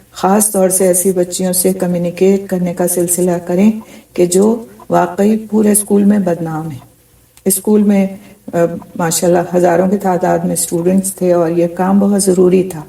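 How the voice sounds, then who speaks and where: A woman's voice: fairly low pitch, creaky, dark tone. Earnest woman teacher, distant mic. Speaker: Quran teacher. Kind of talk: Quran commentary lecture.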